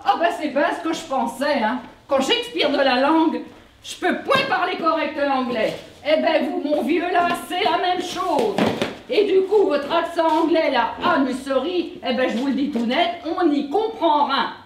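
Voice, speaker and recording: Blunt high-voiced woman. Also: expressive, normal speed, slight background noise. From Vosges, France. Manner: blunt, folksy, mocking. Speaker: sketch performer. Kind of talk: comic stage monologue. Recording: echoey room from far off.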